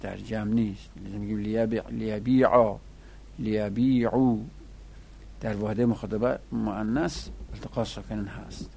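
A man teaching Arabic verb forms, chanting conjugations slowly and repeatedly in a sing-song way and stopping to correct errors in the textbook. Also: medium pitch, vocal fry, husky. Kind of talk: classroom lecture.

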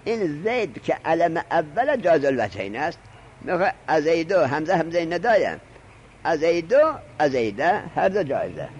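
A man lecturing a grammar class in a lively, swooping voice that sits a bit high for a man. He stresses points hard and stops to dictate notes to his students. Faint noise hangs under the recording. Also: lo-fi sound. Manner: animated, emphatic teaching with dictation to students. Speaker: Arabic grammar teacher.

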